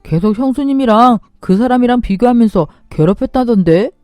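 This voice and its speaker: A man's voice: extremely high pitch, animated, a little fast, a little mellow, no echo, studio quality, soft background music. A woman voicing an angry grown son who raises his voice to accuse his mother. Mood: accusing.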